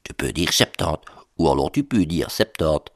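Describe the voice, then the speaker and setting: A man's voice: rumbling low, animated, normal speed, creaky, dry recording, studio quality. A man, explaining words to children with playful, mock-serious asides. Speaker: comic presenter.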